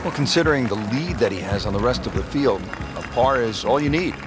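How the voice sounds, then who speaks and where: A man acting as a lead TV golf commentator, calling the play in a measured, polished announcer delivery. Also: medium pitch, expressive, lightly acted. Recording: loud music and crowd behind. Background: music, crowd.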